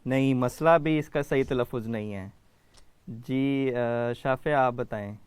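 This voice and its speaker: A man's voice: medium pitch, slight background noise. A man hosting a children's education program, patiently calling on kids by name to answer quiz questions.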